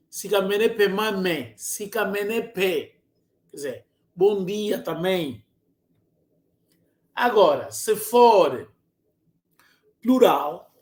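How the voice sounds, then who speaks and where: A language teacher gives a spoken lesson, repeating each word slowly several times. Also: medium pitch. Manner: drills each word by slow repetition. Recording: roomy echo.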